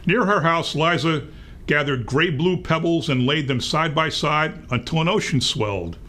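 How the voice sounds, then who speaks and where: A man reading a picture book aloud to young children in an expressive read-aloud manner. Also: on the high side, normal speed. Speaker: storybook reader.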